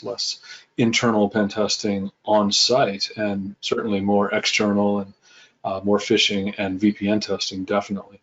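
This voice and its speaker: Measured, flat-voiced man on a panel. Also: on the low side. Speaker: panel guest, pen tester. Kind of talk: panel discussion. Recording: dull video-call audio.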